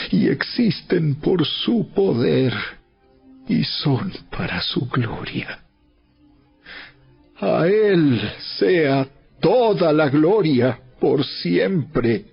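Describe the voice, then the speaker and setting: A man giving a dramatized Bible narration as solemn, emphatic oratory with deliberate dramatic pauses. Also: a little high, sing-song, gravelly, husky. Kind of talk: dramatized scripture narration, preaching a letter aloud. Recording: dull recording with music behind. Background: background music.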